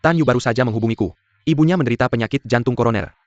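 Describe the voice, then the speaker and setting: A man dubbing a calm, assured executive. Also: mid-range voice, very fast, no echo, natural voice. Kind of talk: dubbed drama dialogue. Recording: dull lo-fi dub with faint music.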